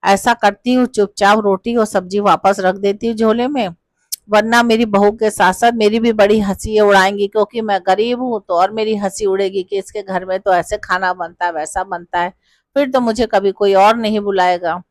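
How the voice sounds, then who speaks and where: A woman's voice: medium pitch, fairly even intonation, moderate pace, no room sound, clean studio sound, lightly acted. A woman voicing a poor, sorrowful old village mother-in-law who talks in plain rustic words, in a told devotional story. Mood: worried. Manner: plain-spoken rustic talk.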